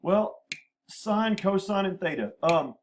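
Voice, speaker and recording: With a slow delivery and lively intonation, a high-voiced male math teacher lectures in front of a whiteboard. He patiently restates terms and spells out each abbreviation, and a little hiss or hum can be heard.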